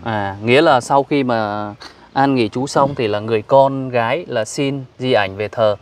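Man, host, polite and deferential, mid pitch, interviewing outdoors. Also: measured pace, a little hiss or hum. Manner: polite, frequent deferential yes-words, paraphrases answers back. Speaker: host, charity vlogger interviewing. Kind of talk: casual interview. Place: outdoors at a rural cemetery.

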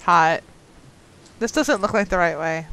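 A woman's voice: lowish voice, expressive, measured pace, fairly bright tone, clear, resonant tone, poor audio. A woman gaming with friends and chatting casually, often protesting and squeamish about crude jokes. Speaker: gamer playing with friends. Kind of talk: casual gameplay banter.

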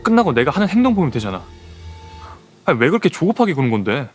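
A man's voice: fairly high pitch, big pitch swings, fast, soft background music. An actor playing a young athlete defending himself to his girlfriend in a web drama; he sounds defensive and exasperated. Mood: defensive, pleading. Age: young adult.

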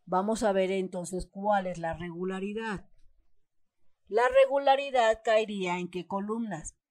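A woman with a Mexican Spanish accent explains a textbook exercise in careful steps, patiently stressing syllables in the example words she reads aloud. Her mid-range voice is darkish in tone and a little slow, with no echo.

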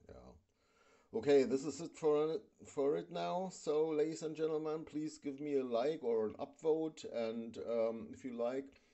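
A man hosting a casual product demo at home, talking with many pauses and fillers. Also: a little high, fairly even intonation, warm tone. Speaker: video host. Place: indoors at a home stove.

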